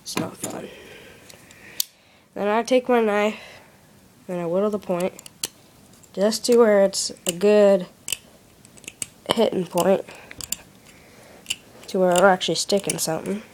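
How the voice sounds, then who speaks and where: A woman talking through a hands-on craft project in a plain, instructive way, one step at a time. Her voice sits at a middling pitch and comes through a handheld phone in a small indoor room. A faint hiss of room noise runs underneath. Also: steady tone, slow pace, long pauses, a little mellow. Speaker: craft demonstrator. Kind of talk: casual how-to explanation.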